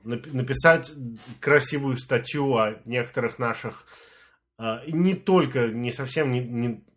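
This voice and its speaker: A man's voice: medium pitch, a little slow, a bit bright. A man co-hosting a podcast, chatting casually with many hesitations and restarts. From immigrant to Canada. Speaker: podcast co-host. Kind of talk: casual chat.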